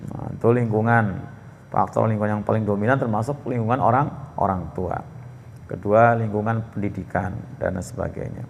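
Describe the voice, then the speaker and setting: A middle-aged man with a rough, gravelly voice teaches a Quran commentary class in a mosque. He explains the Arabic phrase by phrase and keeps turning to his listeners as "Pak". His voice carries a long reverb with faint ambient noise behind it. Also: fairly low pitch, steady tone, moderate pace.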